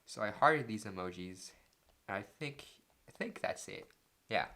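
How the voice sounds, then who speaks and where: This young vlogger speaks in a lowish, sharp-toned voice, expressive and unhurried. Joking around casually, he narrates a story, reads out text messages, and fills his speech with plenty of "like."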